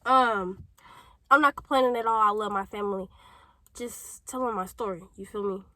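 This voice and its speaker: Her voice mid-range, bright and forceful at a normal speed, the young woman from St. Louis, Missouri, shares her personal testimony in a chatty vlog to camera, speaking with a St. Louis accent. The rough recording has no room sound, and she's a little congested from a cold as she rambles with fillers and tangents.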